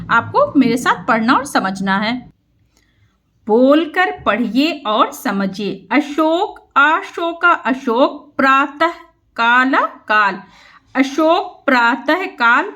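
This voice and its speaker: A woman's voice: high voice, a bit bright, lo-fi sound. A woman teacher leading a reading lesson, sounding out words syllable by syllable and having listeners repeat after her. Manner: slow, patient syllable-by-syllable reading. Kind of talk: Hindi reading lesson for children.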